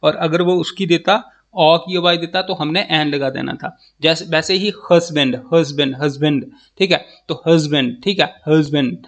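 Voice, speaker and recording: Guy with a jammu accent doing an exam prep grammar lesson, kinda high voice, keeps saying okay and spelling stuff out slow. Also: a bit bright. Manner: repeats "ठीक है" and "जो है वो" constantly, spells out letters slowly.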